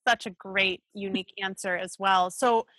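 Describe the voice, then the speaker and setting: Poised woman host, bright and dry. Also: medium pitch, steady tone, normal speed, no echo. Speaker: podcast co-host. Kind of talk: reading a guest bio, casual chat.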